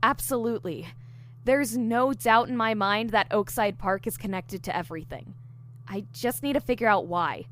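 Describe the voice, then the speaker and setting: A woman plays a newly hired investigator in an audio drama, eager and diligent, laying out case theories in an assured, explanatory, earnest way. Her voice is medium-pitched and a bit bright, at a moderate pace, close to how she'd speak every day.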